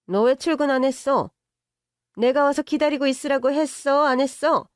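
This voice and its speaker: A woman's voice: high-pitched, normal speed, mellow, no room sound, studio quality, pitched above the performer's own voice, close to an everyday voice. A woman voicing a haughty, contemptuous middle-aged mother-in-law who scolds and belittles in a story drama. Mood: scolding. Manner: sneering, bossy, scolding in banmal. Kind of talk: audio drama story reading.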